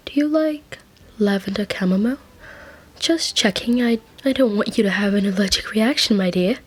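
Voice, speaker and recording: A woman voicing a gentle, fussy male angel bookseller in a whispered role-play, soft and stammering with endearments. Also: mid-range voice, moderate pace, husky, lightly acted. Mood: anxious.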